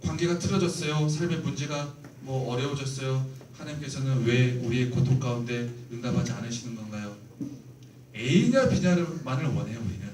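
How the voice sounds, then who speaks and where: A man of medium pitch speaks at a normal pace with a slightly mellow tone, lecturing church youth leaders in a church meeting room. He is earnest and explanatory, acting out examples as he goes. The mic sits far off in a roomy hall, with slight background noise.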